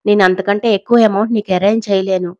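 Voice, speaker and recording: A woman's voice: medium pitch, fairly even intonation, fast, darkish tone, dry recording, close to an everyday voice. A woman voicing a proud, powerful matriarch who talks back angrily and arrogantly in an audio story, recorded with a dry, dull sound. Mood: tense. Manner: arrogant, angry, pleading. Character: proud powerful older woman, cornered and angry.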